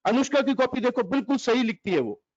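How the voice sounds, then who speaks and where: A man acting out an angry father scolding his little son in rapid-fire bursts. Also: very high-pitched, expressive, dry recording. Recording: dull lo-fi audio.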